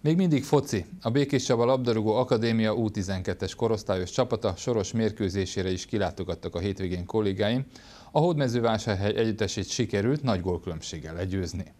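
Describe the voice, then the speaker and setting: A man's voice: on the low side, darkish tone, slight background noise. A middle-aged man presenting a scripted sports programme in a studio.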